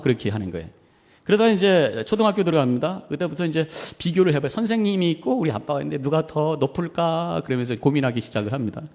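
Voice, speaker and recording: A man's voice: medium pitch, a little mellow, long reverb tail. A man preaching a sermon as pastor, telling stories and acting out the voices in them, and building to emphatic peaks. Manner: storytelling, acts out quoted voices, rising to emphatic peaks. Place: church sanctuary.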